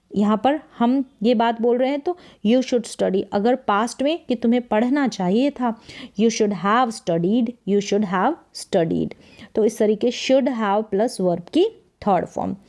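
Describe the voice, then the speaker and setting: Female grammar teacher, patient lesson delivery, repeats key phrases, slows right down for English examples. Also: a little high, darkish tone. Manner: slow, spelled-out English example sentences. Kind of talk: explaining grammar to learners.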